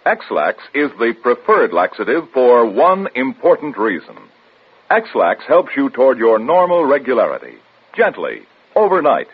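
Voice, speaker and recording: A man's voice: mid-range voice, huge pitch swings, unhurried, husky. A man reading a chipper 1950s radio commercial as its announcer, on a muffled vintage broadcast.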